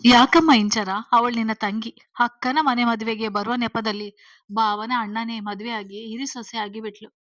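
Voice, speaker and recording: A woman's voice: a little high, steady tone, normal speed, a bit bright, dry recording, distant mic, close to an everyday voice. A woman voicing a spiteful rich aunt who taunts the family in a sarcastic, sneering way. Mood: taunting.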